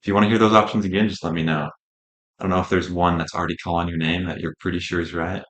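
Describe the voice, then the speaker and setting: A young guest asking quiz questions in a casual chat, with a playful, teasing manner. His voice is very low and deep. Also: flat delivery, rapid-fire, fairly bright tone. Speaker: guest quizmaster.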